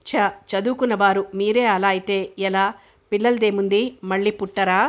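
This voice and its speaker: A woman reads a caring young man who gently coaxes a grieving friend, in a narrow, even voice. The reading stays close to her own everyday tone. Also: sits high, normal speed, close to an everyday voice. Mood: coaxing. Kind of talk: audiobook character reading.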